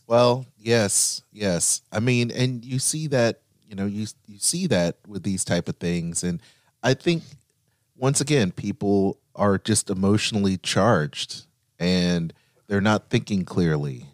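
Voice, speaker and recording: Jokey low-voiced podcast man. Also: takes it slowly, dry recording, studio quality. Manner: animated, jokey. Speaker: podcast co-host. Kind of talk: casual chat.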